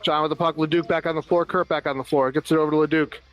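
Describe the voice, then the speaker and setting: Faint music sits behind this slightly high, fairly even male voice. He's an American calling amateur floor hockey play by play, moving quickly through passes and shots and tossing in dry remarks.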